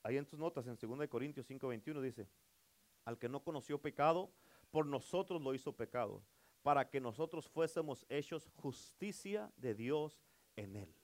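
A male pastor preaching a sermon, emphatic, calling for amens and swinging between loud and soft. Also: mid-range voice, expressive, normal speed.

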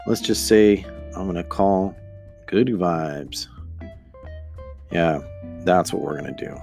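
A man with a low voice hosts a casual solo podcast over music. He meanders and hesitates, thinking aloud as he goes. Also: takes it slowly, vocal fry, darkish tone. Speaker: podcast host.

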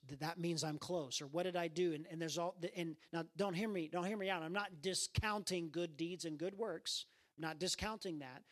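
A man preaching a sermon in a church, earnest and repeating his phrases for emphasis. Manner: earnest, repeats phrases, acts out quoted voices in a raised pitch. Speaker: pastor. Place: church sanctuary.

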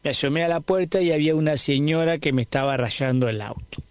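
A man voicing a bumbling, boastful superhero with an Argentine accent, rattling on in a radio comedy bit and putting on every voice in his story. His voice sits a little high and sounds close and dry. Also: quick pace, smooth, dry recording, lightly acted. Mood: rambling, comic. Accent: Argentine Spanish. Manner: rambling storyteller, acting out every voice in his tale.

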